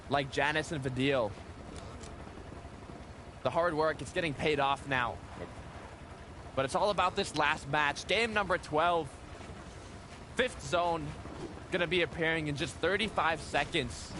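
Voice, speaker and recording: A man giving live esports play-by-play commentary in short, punchy, suspense-building phrases. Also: fairly high pitch. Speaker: esports caster. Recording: game gunfire and vehicle noise behind. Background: video game gunfire and ambience.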